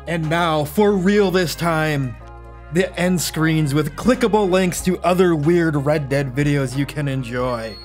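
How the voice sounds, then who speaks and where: A man's voice: fairly high pitch, a little slow, soft background music. A man narrating gameplay from a script as a YouTuber, with wry, self-deprecating storytelling. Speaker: gaming YouTuber.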